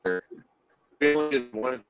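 A man speaking in a casual work meeting over a bad video call connection that makes him sound choppy and robotic, halting and hesitant with many fillers. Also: medium pitch, animated, over loud music. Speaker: meeting participant. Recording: muffled video call audio with dropouts.

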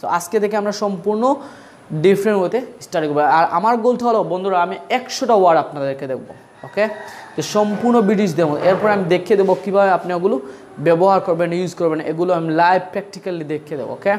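A man with a Bengali accent teaching a casual spoken-English lesson, often asking "okay?" and calling listeners "brother", drawing out example words slowly. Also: high voice, darkish tone. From Bangladesh.

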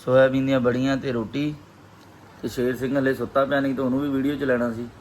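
A Punjabi man talks in an easy, informal vlogging style with a playful edge. His voice sits at a middle pitch. Loud ambient and vehicle noise runs behind him. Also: flat delivery, fast talker, poor audio. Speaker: vlogger and father. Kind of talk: casual family vlog chat and narration.

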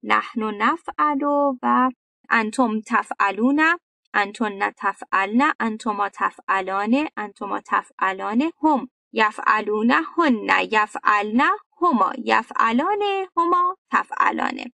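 A woman with a Persian accent teaches a grammar lesson in a bright, higher voice, lively and emphatic, reciting verb forms one after another. The sound is dry, with the mic set a little away from her. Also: creaky, dry recording, distant mic. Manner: lively and emphatic, addresses students directly, recites verb conjugations. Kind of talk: online video lesson.

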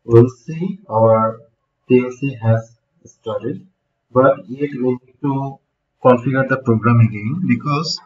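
A man in his thirties giving a step-by-step technical tutorial from a desk in a small room. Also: medium pitch. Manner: steady step-by-step explaining. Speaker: automation instructor. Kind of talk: screen-recorded technical tutorial. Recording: dull lo-fi home recording.

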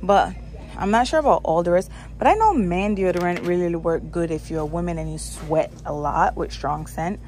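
A woman narrates a casual shopping vlog from a store aisle, recorded on her handheld phone camera, thinking out loud and frequently repeating herself. She talks fairly quickly in a lowish, slightly mellow voice.

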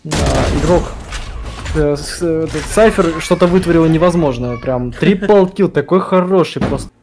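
Higher-voiced male esports co-caster. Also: normal speed. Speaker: esports co-commentator. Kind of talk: casual analytical game commentary. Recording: faint noise, clicks, game sounds.

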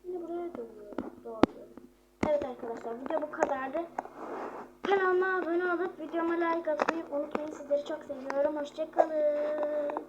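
A young girl with a high voice narrates her gameplay to viewers in a loose, chatty way. She grumbles when things go wrong and drops into whispered asides. Loud background noise and mouse clicks sit under her voice. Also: steady tone, moderate pace, dull audio. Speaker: gaming YouTuber. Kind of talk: casual gameplay commentary.

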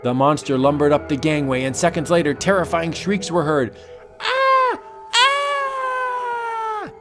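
A man's voice: a little high, steady tone, fairly quick. A man narrating a vintage horror comic in a dramatic, suspenseful audiobook style. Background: faint music.

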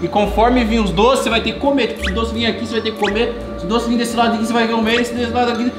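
A man's voice: very high voice, steady tone, very fast. A young Brazilian man hosting a challenge vlog, chatting casually and slangily with friends. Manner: informal, slangy. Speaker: challenge host. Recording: echoey room, music behind. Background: background music.

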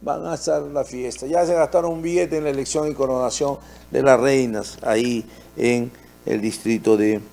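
A man's voice: medium pitch, fairly even intonation, moderate pace, creaky, dark tone. A man with a Peruvian accent, hosting a TV opinion show and giving indignant political commentary full of rhetorical questions. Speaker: TV opinion host.

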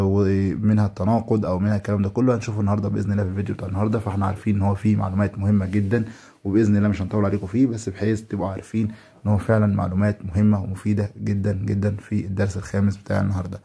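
Gravelly-voiced Egyptian teacher repeating words. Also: male voice, on the low side, little pitch movement, dark tone. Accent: Egyptian Arabic. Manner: repeats each word slowly for pupils to copy. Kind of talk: online lesson for primary pupils.

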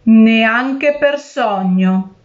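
A cruel, tricky male genie from a spoken storybook, as a woman reader puts him on. The voice sits somewhat high and unhurried, threatening one moment and wheedling the next. The recording sounds a little dull and lo-fi. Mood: menacing.

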